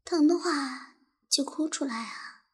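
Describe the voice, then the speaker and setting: Slow and high-voiced, a young woman mocks and teases as a cruel tormentor in an intimate audio roleplay. Her taunts frequently drop to a whisper, and she laughs softly between them.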